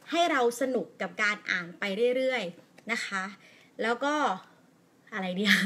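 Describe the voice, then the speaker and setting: A woman English teacher with a Thai accent, giving a chatty, encouraging live lesson and reading aloud slowly with pauses at punctuation. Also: fairly high pitch, sharp tone. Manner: encouraging, chatty, answers viewer comments. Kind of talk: live-streamed language lesson.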